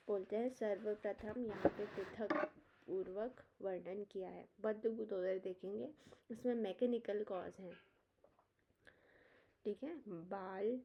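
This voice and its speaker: A woman with a mid-range voice delivers an Ayurveda exam-prep lecture, reading Sanskrit verses, explaining them in Hindi mixed with English terms, and offering memory tricks. The lo-fi recording sounds dull, with slight background noise.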